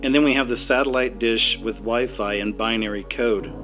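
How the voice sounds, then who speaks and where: A man's voice: mid-range voice, steady tone, normal speed. A man delivering scripted commentary as a narrator. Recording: music under the voice.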